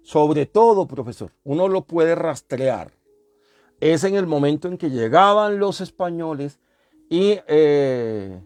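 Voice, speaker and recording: In a dry recording, a man with a fairly high, slightly mellow voice delivers a classroom lecture on language history. He explains step by step, repeats sounds and asks the class questions.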